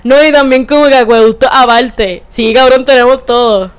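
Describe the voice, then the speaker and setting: A woman's voice: high-pitched, fairly even intonation, normal speed, clear, resonant tone, lightly acted. A woman putting on the voice of a smug, gloating small-town resident who laughs about still having power.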